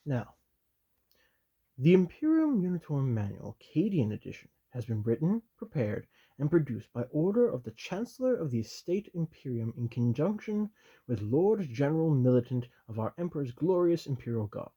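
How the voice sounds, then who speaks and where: A man voicing a stern, loyal commissar who reads a military handbook aloud in whispered role-play, measured and officious with dry asides. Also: on the high side, very animated, warm tone, breathy edge, highs cut off.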